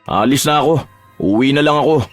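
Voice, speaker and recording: A man's voice: medium pitch, a little fast, dry recording, soft background music, close to an everyday voice. A man voicing a young boyfriend who talks in a pleading, sulky way in a dramatized story.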